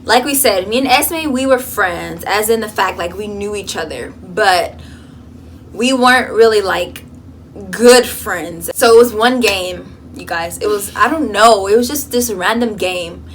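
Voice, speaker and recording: A young woman vlogging in a college dorm room, chatting casually and telling an animated story full of fillers. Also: medium pitch, a little slow, a little hiss or hum. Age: young adult. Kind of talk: casual chat.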